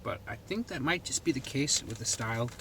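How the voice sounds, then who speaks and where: Here a Boston-accented man from New England chats casually to the camera while sampling food, reviewing it in a rambling, think-aloud way. He talks briskly in a mid-range voice with lively intonation, over noticeable background noise.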